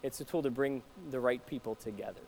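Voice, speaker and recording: In a church, a pastor delivers a conversational sermon, asking his congregation questions as he goes. His mid-range voice has a darkish tone and he talks fast, and the rough recording carries some hiss or hum.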